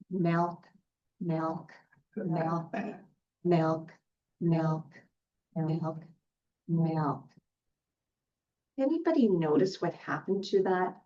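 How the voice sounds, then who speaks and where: A woman facilitator teaching a skills lesson, guiding gently with fillers and restarts. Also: medium pitch. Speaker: group facilitator. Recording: dull lo-fi recording.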